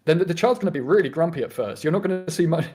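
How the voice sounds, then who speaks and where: A man's voice: fairly high pitch, animated, a little mellow, faint music behind. A man with a British accent making an earnest debate argument, often restarting his sentences. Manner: fast and earnest, with frequent restarts.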